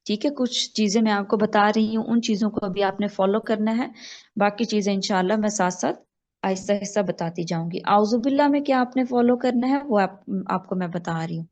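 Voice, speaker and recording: A woman teaching an online tajweed class, patiently explaining and slowly modelling each recited phrase. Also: mid-range voice, darkish tone.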